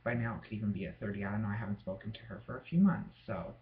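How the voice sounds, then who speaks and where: A man's voice: on the low side, very fast. A young man in a casual, rambling rant, sounding tipsy and drawing out his words, recorded indoors at home. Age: young adult. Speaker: vlogger. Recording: muffled lo-fi home recording, clear background noise.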